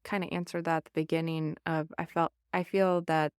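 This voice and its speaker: A woman's voice: sits low, flat delivery, fairly quick, smooth, dry recording, studio quality. A young woman with a Southern American accent talking earnestly and reflectively about a book, with many fillers. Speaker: book club podcast host. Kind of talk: casual book discussion.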